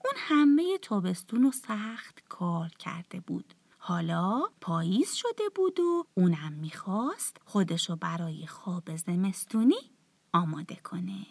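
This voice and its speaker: Softly whispering woman telling a bedtime story. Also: lowish voice, big pitch swings, gravelly, dry recording. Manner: soft, often half-whispered, tender. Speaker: children's storyteller.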